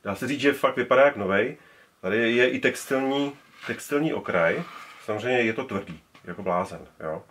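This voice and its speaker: A man's voice: medium pitch, lively intonation, fairly bright tone. A man in his forties casually showing his collection, rambling with many restarts as he handles the gear indoors. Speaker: speaker collector. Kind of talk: casual show-and-tell. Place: indoor room full of speakers.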